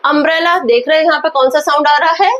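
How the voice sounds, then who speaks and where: A woman teaching an English grammar lesson in Hindi, asking questions and answering them herself and reading example sentences slowly. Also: high voice, fairly even intonation, fairly bright tone. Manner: slow, spelled-out example sentences.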